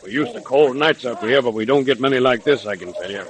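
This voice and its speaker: A rugged dog-sled driver from a 1930s radio adventure, played by a man. He talks in a folksy way with big swings of pitch, on a vintage recording. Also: animated, fast, lightly acted. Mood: easygoing.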